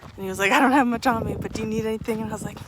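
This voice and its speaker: A woman's voice: fairly high pitch, fairly even intonation, very fast, heavy background noise. A young woman talking to her camera while hiking outdoors, rambling and emotional, laughing now and then. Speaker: thru-hiker vlogger. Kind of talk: casual vlog monologue. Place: outdoors on a trail. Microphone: handheld camera while walking.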